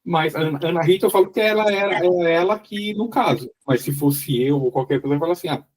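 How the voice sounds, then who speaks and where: A man's voice: a little high, fast, slight background noise. A man with a Brazilian Portuguese accent leading a casual mentoring session over a video call, rambling and repeating his words. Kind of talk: casual group mentoring chat.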